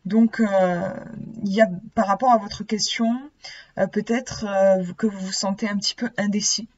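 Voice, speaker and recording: A woman with a husky, slightly breathy voice and an audible lisp gives a card reading. Her pitch sits in the middle of the female range. The recording is a little dull and lo-fi. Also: steady tone, normal speed, darkish tone. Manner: hesitant, searching for words. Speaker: oracle card reader. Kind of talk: casual card reading, with passages read from a booklet.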